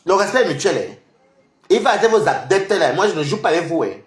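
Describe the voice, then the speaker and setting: A man with a fairly high voice rants at his online rivals, taunting and mocking them in repeated jabs. He swings between loud outbursts and low, muttered asides. The recording sits in an echoey room. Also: lively intonation, fast. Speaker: social media commentator. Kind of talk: confrontational online rant.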